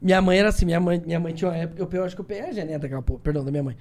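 Fast-talking high-voiced man. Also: a little mellow. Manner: rapid, profane storytelling with frequent swearing and apologies; vocal tics, repeats words compulsively. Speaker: podcast guest. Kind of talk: casual podcast chat.

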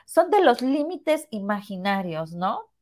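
A woman's voice: mid-range voice, big pitch swings, takes it slowly, a little mellow. A woman with a Mexican Spanish accent on a podcast panel, supportive and recapping what the others say. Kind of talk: casual podcast panel talk.

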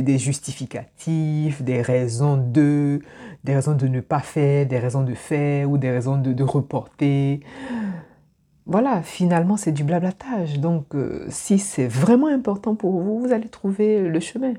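A woman's voice: low voice, measured pace, warm tone. A woman from Ivory Coast, giving a reflective motivational talk straight to the viewer and often repeating words as she thinks. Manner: reflective, repeats words while searching for them. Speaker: personal development speaker.

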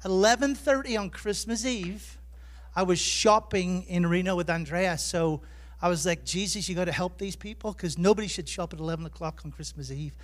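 Preaching at a moderate pace, this Irish man speaks in a high-pitched voice despite being jet lagged. As a pastor he's chatty and pokes fun at himself, weaving funny personal anecdotes into the sermon.

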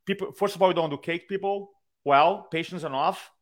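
This man has a high voice, talks fairly quickly, and has a Brazilian accent. He works as a speaking coach and, in a podcast interview held over video call from his own room, tells stories animatedly while acting out quotes.

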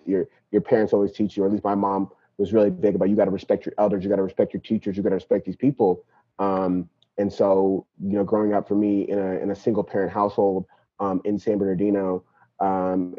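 This is a young man from Nigeria, an activist guest on a podcast, whose deep, slightly rough voice carries a casual, reflective conversation about his life. He frequently adds "you know" and "right?". The recording sounds dull and lo-fi.

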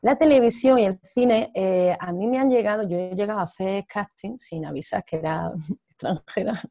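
Warm-toned actress talking candidly. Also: female voice, medium pitch, moderate pace, dry recording, studio quality. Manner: animated, candid, laughs between thoughts. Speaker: actress working abroad. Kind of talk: casual interview conversation.

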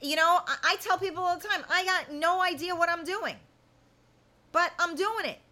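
Speaking at an extremely high pitch with a pushed, bright sound, this fifty-something woman hosts a live chat show at a moderate pace. She talks to her viewers frankly and casually, without mincing words.

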